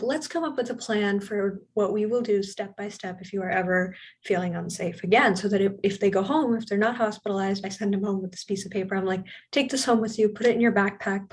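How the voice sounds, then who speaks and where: A young woman working as a hospital mental health specialist, talking casually and acting out her conversations with patients and nurses. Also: mid-range voice. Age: young adult. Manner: chatty, acts out dialogue with patients. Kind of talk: casual panel talk.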